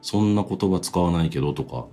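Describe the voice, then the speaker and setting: A man co-hosting a casual podcast, reading out listener mail and musing in a relaxed way that trails off softly. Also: sits low, brisk, soft background music. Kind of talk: casual chat.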